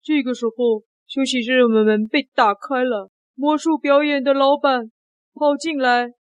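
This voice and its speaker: A woman takes turns with a child spinning a bedtime-style story, lively and playful. Her voice sits high and light. The sound is dull and dry, like a lo-fi home podcast. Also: measured pace, no echo.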